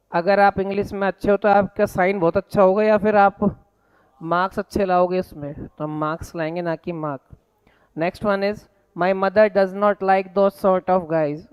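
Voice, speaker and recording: A man's voice: high voice, clear, resonant tone, lo-fi sound. A male English teacher with an Indian accent, giving a live classroom lecture that mixes Hindi and English and drills students with repeated questions.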